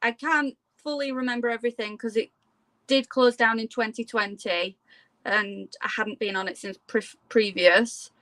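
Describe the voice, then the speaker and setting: A woman with a fairly high voice chats informally as an interview guest. The sound is close and dry, with little room echo. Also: fairly even intonation, moderate pace, a bit bright. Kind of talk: casual chat.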